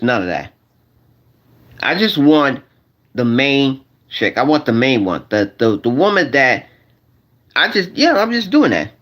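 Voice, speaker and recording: A man in his forties talks straight to his viewers, looping back over the same phrases and calling them y'all. His pitch swings up and down a lot as he rambles, in an ordinary mid-range voice. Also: a bit bright, lo-fi sound. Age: 40s. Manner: repetitive, restarts and repeats phrases; slangy, addresses viewers as y'all. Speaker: vlogger. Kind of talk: rambling casual monologue to viewers.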